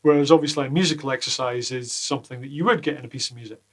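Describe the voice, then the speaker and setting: A man teaching guitar exercises in a casual lesson from a small home studio, full of deadpan jokes between the explanations. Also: medium pitch, racing. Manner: jokey, deadpan asides. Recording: loud guitar playing behind the voice.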